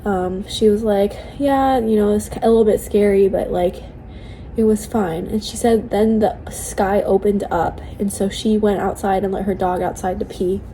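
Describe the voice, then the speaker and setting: A tearful woman talking casually and haltingly in an emotional, confiding personal vlog. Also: medium pitch, steady tone, mellow, slight background noise, poor audio. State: tearful, crying. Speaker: vlogger sharing a personal update.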